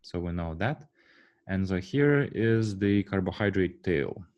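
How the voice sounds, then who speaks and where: A man giving a university science lecture, halting often with fillers and restarts and checking in with the class. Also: low voice, lively intonation, darkish tone, muffled recording. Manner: asks the class rhetorical "right?" checks.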